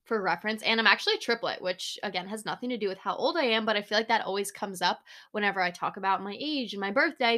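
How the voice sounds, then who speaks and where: A young woman in her twenties with a bright, clear voice, hosting her own podcast. She talks in a bubbly, chatty, upbeat way, close to a microphone in her room. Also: medium pitch. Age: 20s. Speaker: podcast host. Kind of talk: casual solo podcast chat. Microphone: studio microphone.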